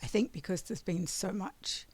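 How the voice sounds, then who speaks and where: A woman with a raspy voice gives a spiritual monthly oracle card reading, meandering and frequently clearing her throat. Her voice is medium-pitched and a little mellow at a moderate pace, with no echo.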